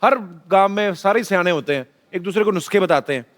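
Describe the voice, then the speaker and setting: A man's voice: high-pitched, quick pace, fairly bright tone. A man hosting a comedy talk show, teasing his guests and telling funny stories about his family. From Punjab, India. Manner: playful, teasing storyteller. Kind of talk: joking anecdotes and interviewing guests. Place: TV studio with a live audience. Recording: reverberant studio with audience murmur.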